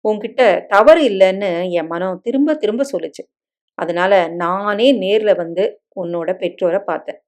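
A woman voicing a devoted young husband in a dramatic story reading, soft and coaxing in manner. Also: mid-range voice, normal speed, close to an everyday voice.

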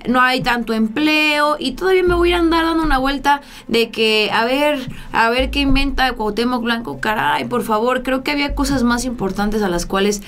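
Indignant young woman commentator, bright voice. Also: high voice, normal speed. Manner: indignant, talks with her hands. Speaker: host. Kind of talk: political commentary chat. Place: small studio with blue backdrop.

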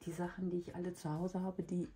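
A woman chatting casually and reflectively to her viewers, hoarse from a lingering cough, her weak voice giving out and breaking into breathy whisper. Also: lowish voice, level tone, brisk, dark tone. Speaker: hobby video host. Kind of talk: casual personal chat to viewers.

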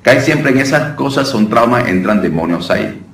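A man's voice: mid-range voice, expressive, moderate pace, fairly bright tone. Man, informal preaching lesson, conversational, restarts phrases, distant mic, roomy echo, faint noise. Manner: conversational, often calls listeners brother, with many restarts. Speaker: deliverance minister teaching.

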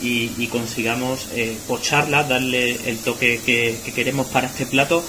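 In a flat, mid-range voice at normal speed, a male chef talks viewers through a recipe one step at a time, often pausing to check on them. The recording comes from a small, echoey tiled restaurant kitchen with frying sounds, a sizzling pan and general kitchen ambience.

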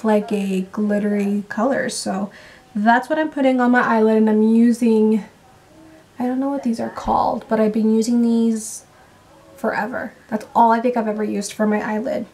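A young woman chatting excitedly and quickly through a casual makeup vlog at home. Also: a little high. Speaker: vlogger.

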